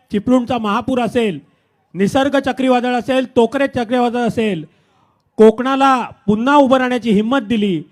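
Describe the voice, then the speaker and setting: A man with a Maharashtrian accent making a formal, declamatory rally speech introduction as the announcer. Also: very high-pitched.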